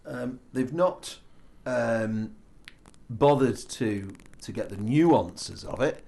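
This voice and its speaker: A man's voice: medium pitch, animated, very slow, creaky, warm tone. A man co-hosting a podcast in casual banter, with a dry, sardonic way of talking. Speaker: podcast co-host.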